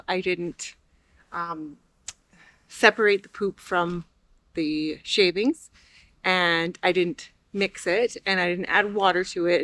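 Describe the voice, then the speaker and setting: A woman's voice: mid-range voice, fairly bright tone. A young woman chatting casually to viewers while doing chores outdoors by a chicken coop, with frequent ums. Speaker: homesteading vlogger. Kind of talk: casual vlog narration.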